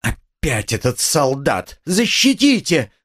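A man voicing a proud, desperate poor widow woman who talks in a shrill, haughty way and screams. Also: expressive, unhurried. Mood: frantic shrieking.

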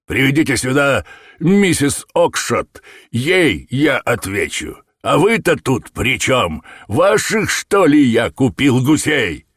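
A man voicing an angry market goose seller who shouts furiously, recorded dry and close. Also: medium pitch, big pitch swings, slow, husky, no echo, voice pushed up, heavily acted.

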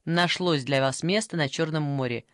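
A woman voicing a brisk, strict young female phone operator in an audiobook, pushy and salesy, recorded dry and close. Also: sits low, a bit bright, dry recording. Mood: firm. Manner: pushy, salesy, rattling off offers. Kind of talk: audiobook character voice.

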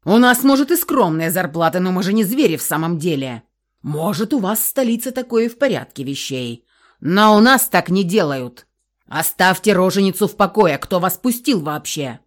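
A woman voicing an outraged male doctor who loudly scolds visitors in a hospital ward, in an audiobook reading. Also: fairly low pitch, lively intonation, moderate pace, natural voice. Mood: indignant. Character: stern indignant male doctor, head of ward.

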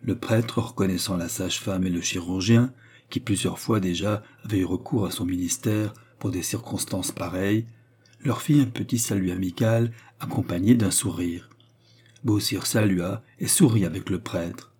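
Male audiobook narrator, dark husky voice, steady storytelling. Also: low voice, moderate pace. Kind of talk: scripted narration of a classic novel.

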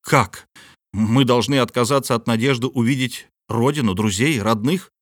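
A man's voice: medium pitch, moderate pace, no echo, studio quality, natural voice. A man voicing a polite but indignant scholar held captive, speaking formally and pleadingly. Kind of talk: audiobook character reading.

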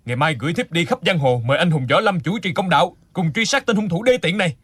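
A woman's voice: fairly low pitch, expressive, fast, husky, dry recording, voice pushed down. A woman voicing furious vengeful male disciples. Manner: heated, vengeful.

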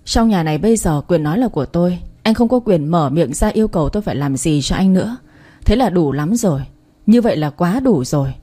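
A woman's voice: on the low side, animated, brisk, mellow, slightly rough. A woman voicing a stern, angry older father-in-law who runs the family company, speaking harshly in a storybook reading. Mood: scolding. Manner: harsh, scolding.

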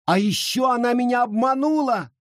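A man doing a shrill, wailing young village girl. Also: normal speed, no echo, clean studio sound. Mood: hysterical. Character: hysterical young village girl denouncing a witch.

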